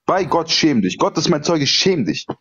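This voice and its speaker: A man's voice: a little high, sing-song, normal speed, fairly bright tone, husky, muffled recording. A young man who earnestly and indignantly scolds his opponent in a heated live-stream debate. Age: young adult.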